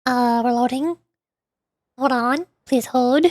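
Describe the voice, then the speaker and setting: A VTuber streamer plays a game and chats casually, playfully with her viewers. Her voice is high, slow and a little mellow, captured on a desk microphone with studio quality and no room sound.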